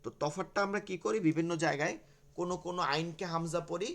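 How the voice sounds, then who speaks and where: A man teaching an online class on pronouncing the letters for Quran reading. He repeats each sound slowly and asks and answers his own questions. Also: fairly high pitch, gravelly, a bit bright.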